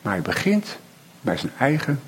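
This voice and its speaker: A middle-aged man preaching a sermon, reflective, with slow emphatic pauses and frequent tag questions. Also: medium pitch, huge pitch swings, slight background noise.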